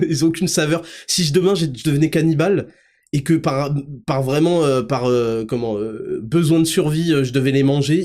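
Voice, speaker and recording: A man hosting his own show, ranting crudely and mockingly, laughing often between outbursts and low mutters. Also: a little mellow. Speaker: host. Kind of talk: ranting monologue.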